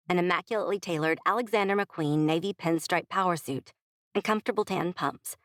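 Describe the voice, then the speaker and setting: Low-voiced woman narrating an audiobook. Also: dry recording, studio quality. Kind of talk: first-person romance audiobook narration.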